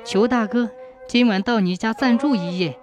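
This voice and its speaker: A woman voicing a pitiful, gentle young ghost woman who speaks in a soft, pleading, measured way. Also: fairly high pitch, over music, close to an everyday voice.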